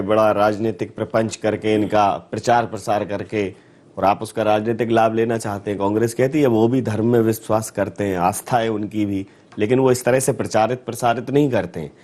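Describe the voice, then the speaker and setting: A man's voice: on the low side, a little mellow. A male interviewer in a political interview, probing with pointed accusations.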